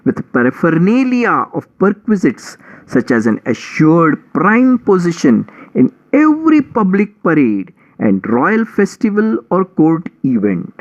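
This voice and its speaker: Male storyteller, higher-pitched voice, slow deliberate delivery, theatrical scripted narration, dull muffled recording. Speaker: audiobook storyteller.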